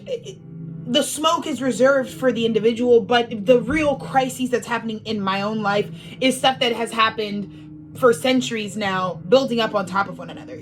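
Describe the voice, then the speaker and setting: Speaking as an astrologer, this woman delivers a loose, spiritual talk in a fairly high voice. She's slightly sniffly, wanders off with plenty of fillers, and curses without holding back.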